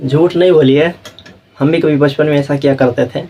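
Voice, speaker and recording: A man's voice: a little high, steady tone, moderate pace, warm tone. A young man teaching a school class, lecturing as he goes and checking again and again that his students follow, sometimes acting out the children and parents he talks about. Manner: asks "samjhe?" after nearly every point.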